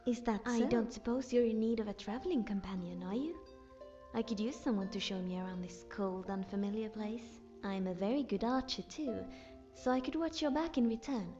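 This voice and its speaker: A woman voicing a polite, curious young wood elf archer, measured and courteous, as game companion dialogue. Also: fairly high pitch, dull audio, music in the background, lightly acted. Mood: friendly, eager.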